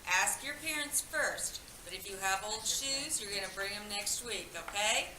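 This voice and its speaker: A woman's voice: medium pitch, lively intonation, moderate pace, reverberant, heavy background noise. A woman making an upbeat school announcement over the intercom, prompting the students to answer her.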